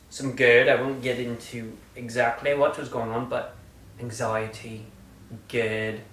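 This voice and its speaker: A channel host gives a casual, playful update in a mid-range voice, hamming it up and jumping between loud bursts and quiet asides, sometimes slipping into a put-on British-style accent. He sits some distance from the mic, so he sounds far off, and the room adds echo with a faint hum of noise underneath.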